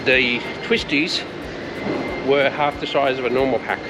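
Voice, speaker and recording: A man's voice: medium pitch, steady tone, measured pace, noisy background. An Australian man chatting in an informal, matter-of-fact way on a travel vlog. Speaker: travel vlogger. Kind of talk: casual vlog chat.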